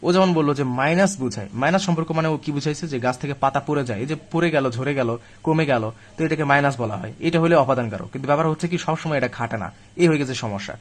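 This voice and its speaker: A man's voice: a little high, racing. A young man teaching a live online grammar class to admission students, chatty and direct, though weak from illness. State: weak and ill, speaking slowly.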